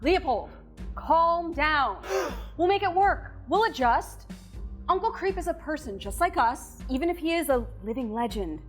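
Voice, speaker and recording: A woman's voice: high voice, expressive, measured pace, faint music behind. A woman playing a dramatic, sardonic horror show co-host with a snippy manner in a campy comedy skit. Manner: theatrical, snippy.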